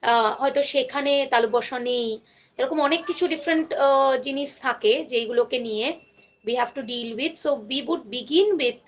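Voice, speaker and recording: Teaching a college class at a moderate pace, a woman with a high-sitting voice and a Bengali accent switches between Bengali and English, filling her speech with fillers and correcting herself often. The recording sounds muffled.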